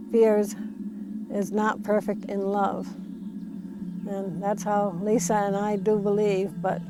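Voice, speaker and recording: A woman's voice: mid-range voice, noisy background. A middle-aged woman, a bereaved mother, speaking in a distressed, pleading way and asking many questions in an archival interview clip. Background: music under the voice.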